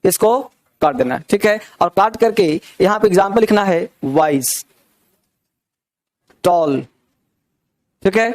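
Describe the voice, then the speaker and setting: High-voiced man teaching a grammar class. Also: darkish tone. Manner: repeats questions to check understanding; drills examples slowly word by word.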